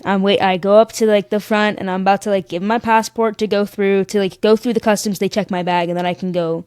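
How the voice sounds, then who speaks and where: A woman's voice: mid-range voice, fast talker, clear, resonant tone, no room sound. A woman tells stories with sass and energy, acting out the people she met along the way. Her voice sits in a middle range. The sound is dry and close, with no room around it. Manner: animated, sassy, acts out voices in her stories. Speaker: podcast guest. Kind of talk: casual storytelling chat.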